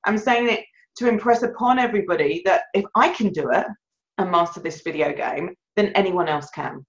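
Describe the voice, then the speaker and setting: A woman filmmaker, the guest on an interview show, telling her story in an animated, rambling way and laughing at herself. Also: lowish voice, brisk, highs cut off.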